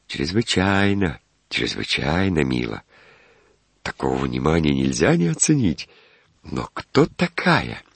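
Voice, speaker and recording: Man playing an excitable, vain official for a storybook reading, deep, husky, swings from shouting to musing. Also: measured pace, no room sound, full character voice. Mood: dreamy. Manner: agitated shouts, then dreamy musing.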